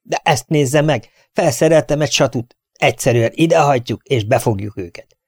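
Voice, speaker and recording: A man voicing a small, eager elderly English lord who talks in high, excitable exclamations. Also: breathy edge, no room sound, studio quality. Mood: excited.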